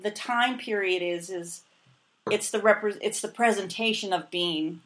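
A woman's voice: medium pitch, measured pace, a bit bright. A woman hosting a casual interview, chatty and cutting in with her own takes. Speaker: host.

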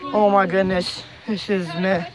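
A teenage boy vlogging in casual chat while hiking a dark trail at night, excitedly calling out to his friends, recorded on a handheld phone. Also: high voice, unhurried, a crowd in the background. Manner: excited, slangy, calls out to friends. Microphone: phone camera held while walking. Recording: noisy outdoor phone recording.

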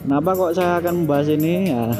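A man's voice: on the high side, quick pace, music in the background. Young man talking while riding a motorbike. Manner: hesitant, repeats himself, says "bro" a lot. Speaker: motovlogger. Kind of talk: casual motovlog talk while riding. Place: outdoors on a motorbike in city traffic.

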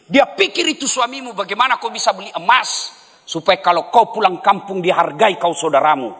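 A man giving a humorous mosque sermon as a preacher, animated and jokey, acting out little dialogues for the congregation. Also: high-pitched, brisk, slightly rough. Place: large mosque. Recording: long hall reverb in a large mosque.

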